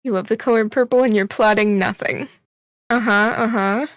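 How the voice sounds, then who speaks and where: A woman's voice: mid-range voice, fairly quick, dry recording, studio quality. A woman chatting casually to livestream viewers in a cute, bubbly anime-streamer manner, effusive and encouraging. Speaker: VTuber art streamer.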